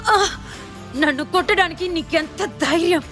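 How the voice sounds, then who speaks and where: A woman doing a sneering villain businessman, high and shrill. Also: a little slow, faint music behind, lightly acted. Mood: panicked threats. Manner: sneering, then shrill and panicky when threatened. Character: arrogant, cowardly foreign male businessman villain.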